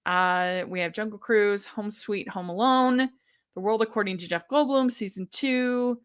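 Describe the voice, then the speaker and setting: A woman's voice: medium pitch, a little slow, smooth. A woman hosting a casual chat about streaming shows, chatty and enthusiastic. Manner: chatty, enthusiastic, laughs often. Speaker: podcast host.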